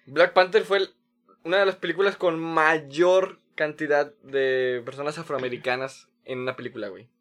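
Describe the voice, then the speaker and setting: A man's voice: on the high side, fairly even intonation, normal speed, a bit bright. Ranting young Mexican guy, heated. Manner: ranting, heated, swears a lot. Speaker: podcast co-host. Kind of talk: casual chat.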